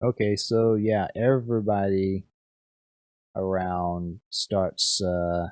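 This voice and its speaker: A man running a tabletop game as game master, narrating haltingly with many restarts. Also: low-pitched, level tone, a little mellow, no room sound.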